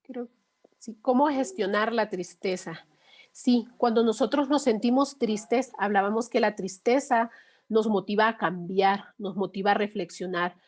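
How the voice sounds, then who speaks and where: A middle-aged woman leads a course session. She speaks at a mid pitch and an even pace, and talks patiently and conversationally. She often pauses to check in with her listeners. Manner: patient, conversational, frequent 'eh' and '¿no?'. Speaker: course instructor. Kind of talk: explaining with everyday examples.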